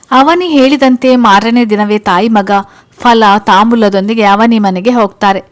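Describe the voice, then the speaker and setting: A woman storyteller narrating a scripted family story in an even, steady reading. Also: medium pitch.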